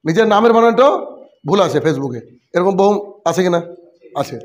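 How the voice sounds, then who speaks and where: বাংলাদেশি উচ্চারণের একজন পুরুষ ইংরেজি শিক্ষক, যিনি বারবার প্রশ্ন করে আর কথা পুনরাবৃত্তি করে বানানের নিয়ম পড়ান।. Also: male voice, high-pitched, lively intonation. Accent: Bangladeshi Bengali. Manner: repetitive, quizzing students with quick questions. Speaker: English teacher. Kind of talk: classroom spelling lesson.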